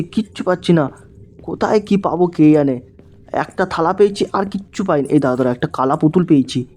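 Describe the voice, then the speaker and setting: A man's voice: fairly high pitch, a little mellow. A young man commenting as he plays a horror game, jumpy and panicky, talking to his viewers. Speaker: gaming YouTuber.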